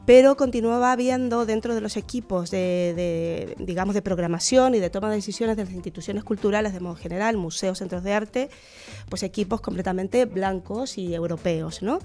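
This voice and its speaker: A woman's voice: medium pitch, normal speed, warm tone. A woman from Chile with a Chilean accent, a guest researcher on a radio interview, speaking thoughtfully with fillers and restarts.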